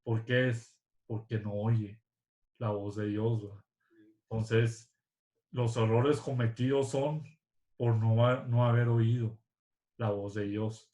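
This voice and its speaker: A man gives an informal sermon in a slow, level voice with little rise and fall. He stops and restarts his phrases and keeps checking in with his listeners. The room around him rings with echo. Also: on the low side, fairly even intonation, dark tone, dull audio. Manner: halting, repeats words, tags lines with "¿va?". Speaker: church speaker.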